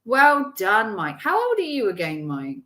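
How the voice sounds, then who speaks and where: A woman's voice: mid-range voice, wildly swooping pitch, unhurried, bright, forceful tone, roomy sound. A woman in her forties, chatting casually on a livestream and reading viewer comments, rambling with frequent restarts. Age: 40s. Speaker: livestream host.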